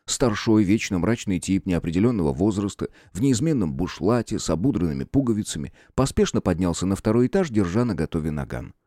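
A man narrating a story in an expressive, wry storytelling manner. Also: deep voice, a little fast, hardly any pauses, no room sound, studio quality. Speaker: audiobook narrator. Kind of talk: scripted narration.

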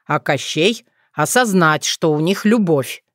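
A woman voicing a gruff young man who answers in low grumbling retorts. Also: expressive, measured pace, dry recording, clean studio sound.

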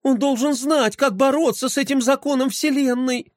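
A man voicing a skeptical, spunky skateboarder girl in a storybook reading, sharp and dismissive. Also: extremely high pitch, steady tone, normal speed, dry recording, studio quality, pitched above the performer's own voice. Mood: scoffing.

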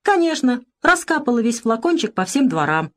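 A woman's voice: on the high side, sing-song, moderate pace, fairly bright tone, pitched above the performer's own voice. A woman voicing a stern, solemn male village medic in a storybook reading, scolding in a raised voice. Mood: explaining.

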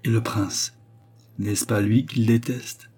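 A man's voice: on the low side, fairly even intonation, slow, a little mellow, husky. A man voicing a young noble grand duchess, earnest and anxious, speaking with a raised, emotional voice.

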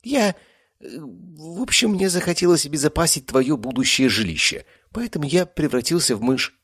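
A man's voice: a little high, lively intonation, moderate pace, fairly bright tone, slightly rough, dry recording, clean studio sound, pitched above the performer's own voice. A man voicing a grumbling, boastful male cat werewolf with a cheeky, purring manner in an audiobook.

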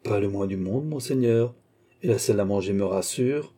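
A man voicing a proud, guarded countess who answers a cardinal with sharp, coy replies in an audiobook. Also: fairly low pitch, normal speed, slightly rough. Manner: haughty, sharp-tongued, coy.

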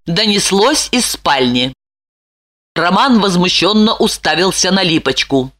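A woman narrating an audiobook in an expressive way. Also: lowish voice, unhurried. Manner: expressive, lively.

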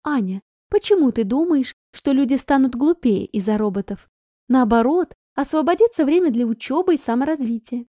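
Woman narrator doing a patient schoolteacher for an audiobook; calm, coaxing, mellow. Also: sits high, normal speed, no echo, clean studio sound. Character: patient adult female school teacher.

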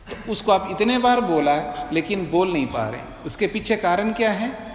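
A man, a swami, giving a patient classroom lecture on scripture, slowly repeating verses syllable by syllable and checking that his students follow. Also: high voice, expressive, a little hiss or hum. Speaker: swami teaching philosophy. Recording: roomy hall reverb.

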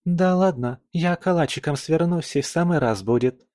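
Guy doing a sassy young wolf girl from a storybook, higher voice, grumbly and teasing. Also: normal speed, darkish tone, no room sound, clean studio sound, lightly acted. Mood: cheeky grumbling. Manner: cheeky, grumbling banter. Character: young woman, playful defiant she-wolf sister.

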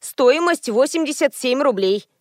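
A woman's voice: sits high, expressive, a little slow, dry recording, studio quality. A woman doing a flustered young cashier.

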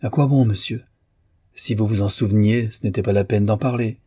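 A man voicing a proud, clever young man who answers politely and with quiet confidence. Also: fairly low pitch, steady tone, brisk, breathy edge.

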